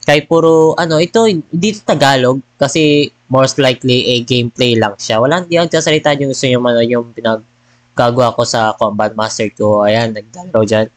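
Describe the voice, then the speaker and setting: A man's voice: medium pitch, a little fast, no echo. A man chatting casually as a gaming vlogger on a headset mic, rambling and mixing in English phrases. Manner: rambling, mixes Tagalog and English. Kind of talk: casual chat.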